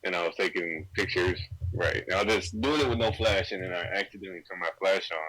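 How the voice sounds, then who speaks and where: A man's voice: low voice, fairly even intonation, fast, bright, forceful tone, no room sound, low-quality recording. A young man in casual chat, telling stories in a laid-back way and swearing freely. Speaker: co-host.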